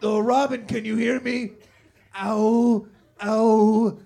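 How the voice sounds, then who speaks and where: A man's voice: high voice, takes it slowly, vocal fry, a little mellow, slightly rough, exaggerated voice. A man playing a whiny, self-pitying superhero in pain, wailing melodramatically in a comedy script reading. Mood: pained whining. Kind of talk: comedy script read-through.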